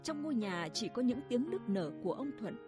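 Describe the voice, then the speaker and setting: A woman narrating a village story in a soft, measured, sorrowful manner. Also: on the high side, very animated, over music. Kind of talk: audiobook narration.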